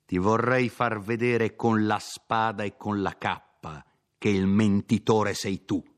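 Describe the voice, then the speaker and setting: A man's voice: lowish voice, steady tone, slow pace, pitched above the performer's own voice. A man voicing an arrogant, imperious nobleman who speaks with haughty contempt in a storybook reading. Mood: imperious, contemptuous.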